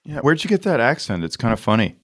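A man's voice: medium pitch, big pitch swings, quick pace, fairly bright tone, husky. Jokey middle-aged male podcast host. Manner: jokey, upbeat, laughs often. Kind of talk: casual podcast chat.

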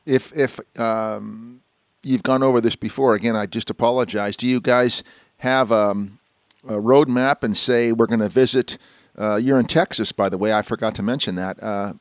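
A man's voice: lowish voice, fairly even intonation, moderate pace, no echo, studio quality. A man hosting a casual interview, asking questions in a hesitant, roundabout way. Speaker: interview host.

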